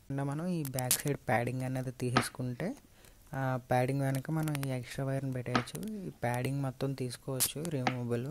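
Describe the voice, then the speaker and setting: A vlogger with a Telugu accent and a mid-range voice walks through an unscripted, hands-on tutorial, explaining step by step as he reviews and installs gear. The recording is very noisy.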